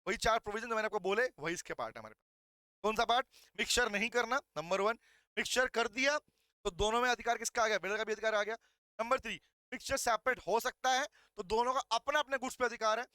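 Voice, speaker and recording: A man giving a recorded law revision lecture, mixing Hindi and English, reading statute lines slowly and firing rhetorical questions at his students. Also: high voice, bright, forceful tone, clean tone, no room sound. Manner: asks rhetorical questions and calls students "beta".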